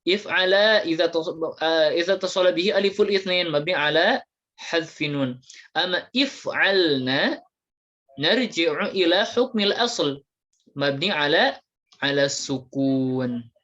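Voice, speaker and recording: A teacher giving an Arabic grammar lesson, slowly drilling word forms one by one with many repetitions. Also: mid-range voice, lively intonation, fairly bright tone, highs cut off. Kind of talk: classroom lesson.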